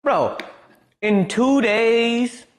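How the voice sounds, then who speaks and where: His voice is very high-pitched and he draws out his words. A laid-back young streamer from Wisconsin with a Midwestern American accent, he rambles to viewers with plenty of fillers and turns animated when amused.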